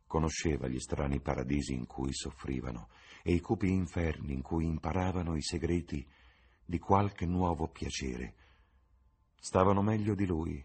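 A man reading a novel aloud in a measured, dramatic audiobook narration. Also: very deep voice, a little mellow, husky. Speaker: reader.

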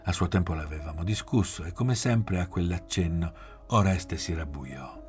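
A man reading a novel aloud in measured, quiet literary narration. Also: low-pitched, faint music behind. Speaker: reader.

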